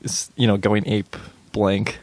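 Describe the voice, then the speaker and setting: A man's voice: lowish voice, level tone, slow, dry recording. A young man co-hosting a podcast, talking in a casual, hesitant way with lots of fillers and easy laughs. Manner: hesitant, many fillers and restarts, laughs easily. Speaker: podcast co-host. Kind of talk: casual chat.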